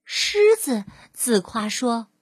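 A woman narrating a children's storybook in an expressive, drawn-out manner. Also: on the high side, husky, dry recording, studio quality.

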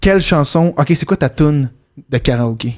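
A man with a Québécois accent hosting a casual podcast chat, teasing his guests with quick jokes. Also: on the high side, expressive, crowd noise. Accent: Québécois French. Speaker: podcast host.

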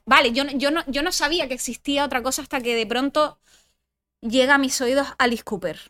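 A woman's voice: high-pitched, brisk, a bit bright. A woman with a Spanish accent, a podcast guest chatting casually and eagerly in an interview, talking through interruptions. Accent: Spanish regional accent. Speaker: podcast guest, former reality show contestant.

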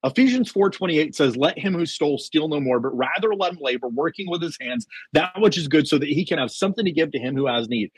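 Brief: middle-aged man, lively sing-song delivery, eager storyteller on a faith podcast. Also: fairly high pitch, fast, hardly any pauses, slightly rough, no room sound. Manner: earnest storytelling, quotes himself and God; many fillers and restarts, excited. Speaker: podcast guest. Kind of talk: testimony in a faith interview.

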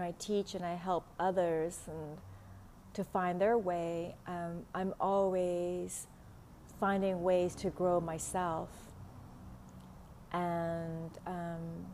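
A middle-aged Vietnamese woman, speaking English with a Vietnamese accent, hosts a spiritual podcast from a room in her city home. As a spiritual teacher, she talks in a casual monologue, slow and halting, with many fillers and soft laughs, her voice on the low side. Faint traffic noise drifts in through an open window.

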